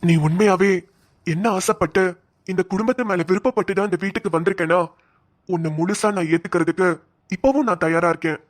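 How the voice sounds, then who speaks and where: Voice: medium pitch, brisk, dry recording, natural voice. A voice actor playing an earnest, principled young husband in a cartoon, speaking colloquial Tamil Nadu Tamil. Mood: firm. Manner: earnest, questioning, firm.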